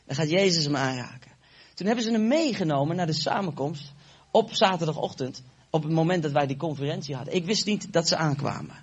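A man preaching, telling a testimony and acting out the dialogue with animated energy. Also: on the high side, fairly quick, breathy edge, lo-fi sound. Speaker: evangelist preacher. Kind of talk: sermon testimony.

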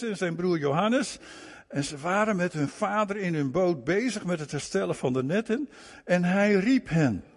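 A man preaching a sermon, emphatic, repeating words and phrases for stress. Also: sits high. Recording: long reverb of a hall.

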